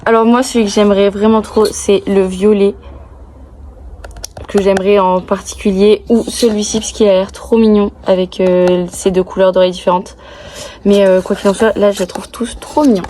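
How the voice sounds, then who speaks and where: A woman's voice: medium pitch, moderate pace. Bubbly young woman vlogging over street noise. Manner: bubbly, gushing, girlish excitement with slang. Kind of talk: casual chat to camera. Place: outdoors near passing cars. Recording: outdoor recording with clear traffic noise.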